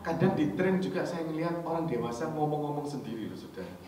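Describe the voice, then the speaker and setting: A man preaching a storytelling sermon, chatty and animated, slipping in English phrases and asking his congregation questions. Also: a little high, quick pace. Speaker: pastor. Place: church hall. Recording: very echoey hall, mic far off, faint noise.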